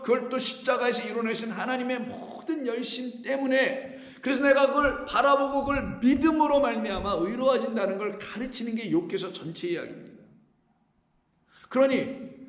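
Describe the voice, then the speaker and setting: A man preaching a sermon in a fairly high voice, earnest and drawn out on the phrases he stresses. His voice rings through a big church room with a long, lingering reverb. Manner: earnest preaching, rising and slowing on key phrases. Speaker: pastor. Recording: echoey church hall.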